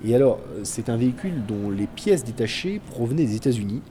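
A man's voice: medium pitch, lively intonation, a little fast, dark tone, slight background noise. A man giving an informal, explanatory account of history as a narrator.

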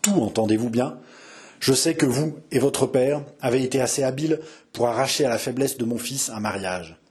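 A man voicing an old, gruff army commander, curt, rough and scornful, in an audiobook reading. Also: medium pitch, normal speed, darkish tone, lightly acted. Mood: harsh. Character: old gruff male army chief, harsh and proud.

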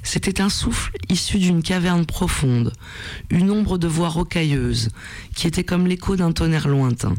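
Man, radio host, story reading, gravelly voice, very dry close sound. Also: fairly high pitch, darkish tone, dry recording. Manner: measured, deliberate reading.

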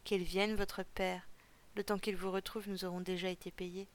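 A woman's voice: mid-range voice, flat delivery, moderate pace, lightly acted. A woman voicing a mocking male kidnapper in a storybook reading.

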